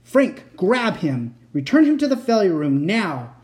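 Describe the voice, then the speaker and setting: A man voicing an angry male inventor who shouts accusations and orders, in a high, strained voice. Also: expressive, brisk, natural voice. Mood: commanding. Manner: shrill, accusing, commanding. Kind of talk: audiobook character voice.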